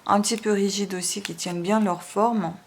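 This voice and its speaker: A woman's voice: mid-range voice, fairly even intonation, moderate pace. A woman vlogger chatting casually through an unboxing, hesitant, with many fillers. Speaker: beauty vlogger. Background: wind noise and plastic crinkling.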